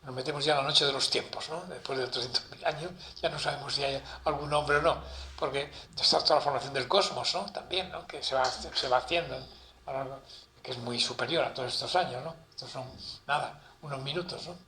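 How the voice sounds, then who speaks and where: A man's voice: mid-range voice, fairly quick, bright, forceful tone. A man giving a classroom lecture on the Bible, explaining at a map and tagging his sentences with "¿eh?" and "¿no?". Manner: explains at a map, with constant "¿eh?" and "¿no?" tags. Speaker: Bible teacher. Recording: echoey room, faint ambient noise.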